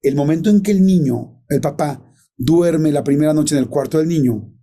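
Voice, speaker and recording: A man's voice: a little high, moderate pace, mellow. A man telling a ghost story in casual chat, rambling with many fillers and self-corrections.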